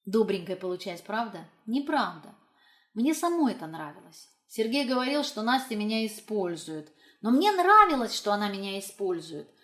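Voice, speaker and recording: A woman's voice: a little high, close to an everyday voice. A woman reading the part of an educated young woman who confides in a friend in a wry, self-mocking way, for an audiobook.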